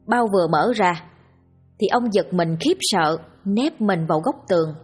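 Woman storyteller, grim dramatic horror narration, husky tone, faint music underneath. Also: mid-range voice, animated, a little slow.

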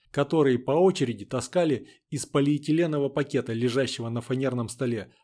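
A man narrating an audiobook in a steady, even storytelling voice. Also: mid-range voice.

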